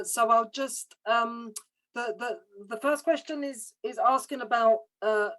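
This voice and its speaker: A woman's voice: fairly high pitch, fairly bright tone, poor audio. A woman moderating an online symposium, hesitantly putting audience questions to a guest. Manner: hesitant, repeats words while reading questions. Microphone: video call.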